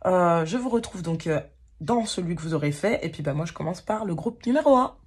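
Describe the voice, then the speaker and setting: A woman with a fairly low, breathy voice gives a casual tarot reading to her viewers. She talks hesitantly, full of fillers and restarts, and pokes fun at herself as she goes. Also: expressive, fairly quick, a little mellow. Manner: hesitant, many fillers and restarts, self-deprecating. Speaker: tarot card reader.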